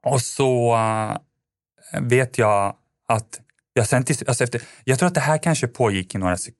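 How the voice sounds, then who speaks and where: A man's voice: medium pitch, no echo, clean studio sound. A man, a podcast guest, telling a personal story in a casual, rambling way with lots of fillers and restarts.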